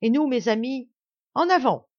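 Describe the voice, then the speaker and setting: A woman's voice: mid-range voice, big pitch swings, moderate pace, warm tone, dry recording. A woman voicing a fiery, defiant young woman who rouses a band of rebels with rising exclamations. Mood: rousing fierce. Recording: dull dry recording.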